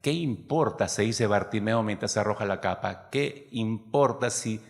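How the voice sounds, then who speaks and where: A man preaching a sermon to his congregation, lively, acting out the voices of people in the story. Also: lowish voice, normal speed, in a large hall. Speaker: pastor.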